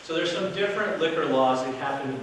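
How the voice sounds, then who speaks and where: Picked up from far off by a camera with no microphone, a man presents a workshop to an audience in a meeting room, and the recording is very echoey and noisy. He is a hotel sales director who speaks loudly and fairly quickly in a slightly high voice, chatting casually with fillers.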